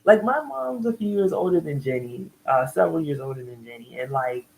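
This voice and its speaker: A woman with a low voice talks through a reality show episode in an easy, chatty way. She laughs a lot and jumps up in pitch when she acts out what people on the show said. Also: animated, brisk, creaky, a little mellow, poor audio. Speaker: reality TV reviewer. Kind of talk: casual recap and commentary.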